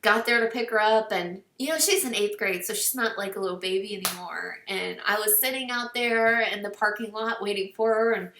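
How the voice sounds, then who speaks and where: Speaking briskly with few pauses, this woman has a mid-range voice and a sharp tone, captured reverberantly on a distant mic. In her thirties or forties, she's a fitness business team coach giving a casual recruiting talk to camera, earnest and encouraging, filler-heavy, and at times teary.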